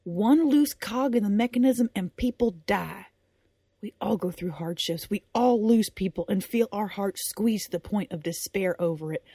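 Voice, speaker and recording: A woman's voice: medium pitch, warm tone, husky, no echo, studio quality. A woman voicing a stern, sardonic woman knight who leads her company, mocking and near growling. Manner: mocking then growling, sinister.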